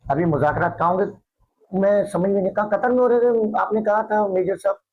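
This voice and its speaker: A man's voice: high voice, steady tone, a little fast, phone-quality sound. A middle-aged man delivering a sarcastic, taunting political monologue straight to his viewers. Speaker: political commentator. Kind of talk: mocking monologue to camera.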